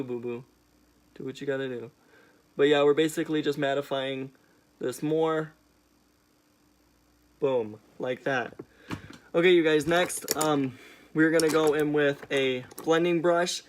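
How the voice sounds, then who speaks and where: A young man with a sassy, emphatic drag-queen delivery, chatting casually as he hosts a makeup tutorial. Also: on the high side. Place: indoors, small room at home.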